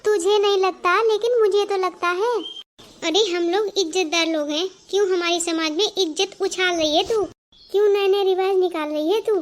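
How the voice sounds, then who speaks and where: A woman voicing a proud, stubborn older mother-in-law in a cartoon, nagging and lecturing in a very high voice. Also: steady tone, normal speed. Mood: scolding. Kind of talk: Hindi cartoon voice acting.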